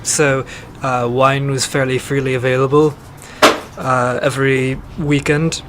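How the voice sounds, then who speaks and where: A young man, a podcast guest, telling his story in a halting way with many fillers. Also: medium pitch, little pitch movement, background noise. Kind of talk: casual interview.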